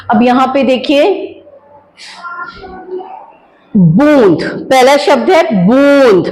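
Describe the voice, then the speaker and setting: A woman teaching Hindi grammar to students, drawing out each word slowly so they can copy her pronunciation and calling them "beta" as she explains. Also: high-pitched, darkish tone, low-quality recording. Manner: slow, drawn-out pronunciation of words for students to copy; addresses students fondly as "beta".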